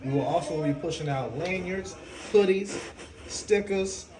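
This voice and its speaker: A man's voice: high-pitched, unhurried, a little mellow. A man hosting a casual podcast, moving things along with teasing banter. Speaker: podcast host. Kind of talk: casual chat. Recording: echoey room with noise.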